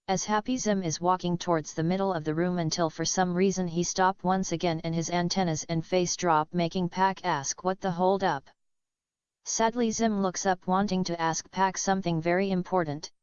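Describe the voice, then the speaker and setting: A woman narrating a fan-made cartoon story in a plain, halting reading style, on a dull lo-fi recording. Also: fairly low pitch, smooth, no echo.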